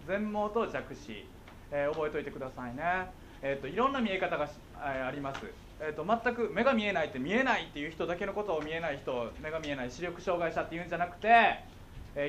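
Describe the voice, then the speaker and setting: A man's voice: on the high side, slight background noise. A middle-aged man with a Kansai accent, giving a playful, jokey talk to schoolchildren as a guest speaker and often checking that they follow. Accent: Kansai Japanese. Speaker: guest speaker on visual impairment.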